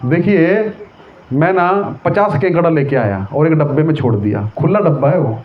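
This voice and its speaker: High-voiced preacher on a tinny line. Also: male voice, normal speed. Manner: lively, conversational, full of rhetorical questions. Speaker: preacher teaching scripture. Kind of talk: sermon on scripture. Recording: tinny phone-like sound.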